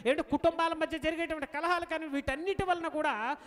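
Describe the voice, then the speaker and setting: Male pastor, very high voice, animated sermon delivery with acted-out pleas. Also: quick pace. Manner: animated, acts out pleading quotes. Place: church.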